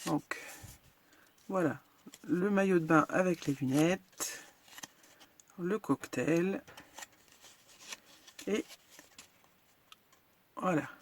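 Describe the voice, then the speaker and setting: A woman's voice: on the low side, extremely slow, long pauses, slight background noise. A woman hosting a casual crafting tutorial, chatting frankly and narrating each step as she works, with lots of fillers. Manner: self-deprecating and frank.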